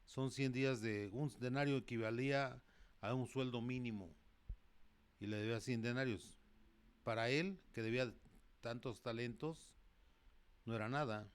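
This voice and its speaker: Man, preacher, sermon, mid-pitched, reads verses with emphasis, plain explanatory asides. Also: normal speed, long pauses, clear, resonant tone. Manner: explains verses in plain asides, often stops to correct himself; reads scripture with rising emphasis and loudness. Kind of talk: sermon with Bible reading.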